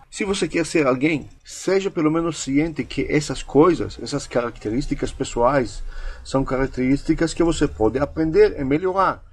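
A man's voice: medium pitch, breathy edge. A man teaching a course, speaking emphatically in a coaching manner and acting out short example dialogues. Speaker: language course instructor. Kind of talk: instructional talk.

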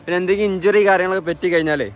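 A man's voice: high-pitched, very fast, faint music behind. A young man with a Malabar Malayalam accent, chatting casually on an outdoor vlog and dropping English words into his Malayalam. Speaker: vlogger. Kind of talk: casual chat with a companion. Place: outdoors on a hilltop.

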